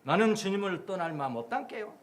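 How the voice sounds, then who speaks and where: A man's voice: high-pitched, very animated, fast talker, a little hiss or hum. A middle-aged man from Jeolla, South Korea, preaching a Sunday sermon as pastor in a church, stacking repeated phrases into rhythmic lists. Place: church sanctuary.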